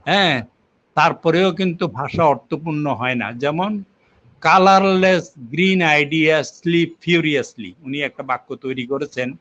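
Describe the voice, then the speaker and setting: A man's voice: fairly high pitch, moderate pace, a bit bright. An older man, a linguistics professor, patiently explaining with examples and frequent fillers in an interview. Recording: muffled lo-fi recording.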